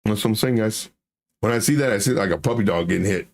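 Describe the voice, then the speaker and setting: A man's voice: lowish voice, fast. A man hosting a livestream with casual chart commentary, blunt and emphatic, repeating phrases for effect. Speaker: livestream host, crypto trading commentator.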